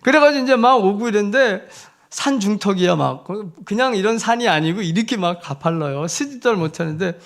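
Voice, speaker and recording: A man, a missionary, telling a story in a youth sermon at a church, animated and packed with fillers. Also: high voice, a little fast. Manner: animated, filler-heavy storytelling with big swings in loudness. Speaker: missionary preacher.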